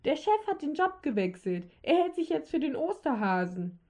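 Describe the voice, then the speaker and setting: A woman doing a gruff, dry male elf. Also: sits high, sing-song, moderate pace, a little mellow, pitched above the performer's own voice. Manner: dry and grumbling.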